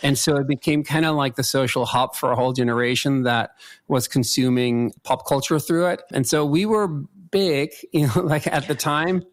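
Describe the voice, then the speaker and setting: A middle-aged man from Denmark, a guest chatting casually in an interview and telling his story quickly, with lots of "like" fillers. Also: medium pitch. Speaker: guest, co-founder.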